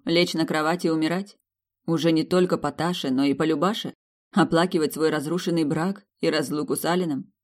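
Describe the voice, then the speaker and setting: An audiobook narrator reading a first-person fantasy novel in a plain, steady way. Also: medium pitch.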